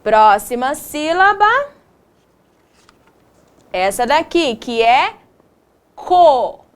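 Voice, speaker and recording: Woman teacher, young adult, high voice, slow and sing-song, for a children's lesson. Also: very animated, fairly bright tone.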